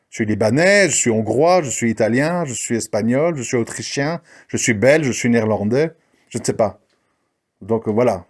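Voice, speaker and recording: A commentator whose medium-pitched voice is a little mellow launches into a combative rant, mocking his targets and daring his listeners to push back.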